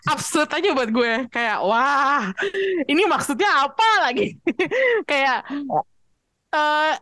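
A woman hosting a casual film chat, expressive and chatty, slipping English phrases in. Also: high-pitched, takes it slowly, no room sound. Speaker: podcast host asking questions.

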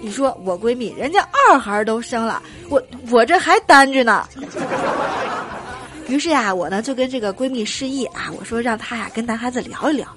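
A young woman performing a stand-up comedy story, animated and trailing her phrases with drawn-out particles. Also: a little high, background noise. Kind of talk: comic storytelling monologue.

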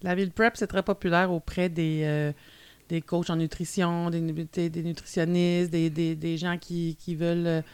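A woman's voice: lowish voice, level tone, normal speed, a little mellow, clear, resonant tone, dry recording. A woman with a Québécois accent, co-hosting a podcast and reading dictionary definitions in a chatty way, with many fillers. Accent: Québécois French. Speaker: podcast co-host. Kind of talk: casual chat.

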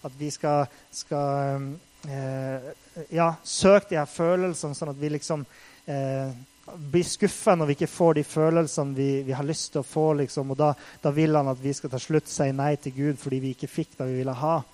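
Man giving a relaxed youth-style sermon, slightly high pitch, talky and earnest, rising to loud passages. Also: poor audio. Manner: conversational, many fillers, acts out quotes with rising intensity. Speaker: preacher. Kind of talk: casual sermon.

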